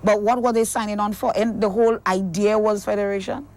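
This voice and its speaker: A woman hosting an interview, curious and quick with follow-up questions. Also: mid-range voice, fairly even intonation, darkish tone. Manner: curious, asks follow-up questions, frequent affirmations. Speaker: host. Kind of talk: conversational interview.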